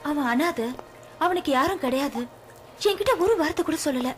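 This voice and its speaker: A young adult actress voices a headstrong, cheerful female college student, coaxing and chatty in tone. She speaks at normal speed in a high-pitched, animated voice, heard in a film soundtrack beneath loud music.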